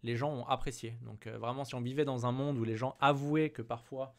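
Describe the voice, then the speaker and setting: French host, chatty stream voice. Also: male voice, mid-range voice, brisk. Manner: relaxed, chatty, reads chat questions. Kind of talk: live-stream interview.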